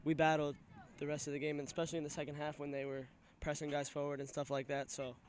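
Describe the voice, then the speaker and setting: A man's voice: fairly high pitch, completely flat delivery, fast, slight background noise. A man in his twenties, a college soccer player from Pennsylvania, giving casual postgame answers with many fillers, outdoors on a field at night into a handheld mic. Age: 20s. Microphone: handheld mic held by interviewer.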